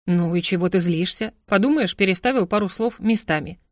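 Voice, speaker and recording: A woman voicing a deadpan winged demon man. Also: on the low side, fairly quick, no echo, studio quality, close to an everyday voice. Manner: serious, phlegmatic, bossy. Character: cool, deadpan male demon with wings.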